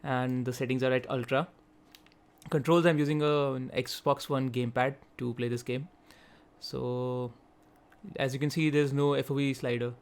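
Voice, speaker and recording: A man hosting a gaming video, giving quick, chatty gameplay commentary and thinking aloud as he goes through the settings. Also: medium pitch, steady tone, clean tone. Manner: quick talker.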